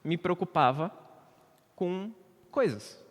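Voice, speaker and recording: A young man with a Brazilian Portuguese accent preaching in church, telling a personal story with animated swings in loudness. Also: high-pitched, slow. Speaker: presbyter preaching. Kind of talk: sermon illustration, personal story. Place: church sanctuary. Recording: church hall reverb.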